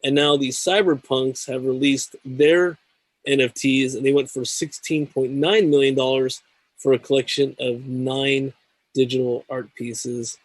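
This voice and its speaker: A man's voice: mid-range voice, fairly even intonation, measured pace, no room sound, low-quality recording. Guy hosting a tech show, reads the news then chats, dry close sound. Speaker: talk show host. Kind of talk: scripted news segment and interview.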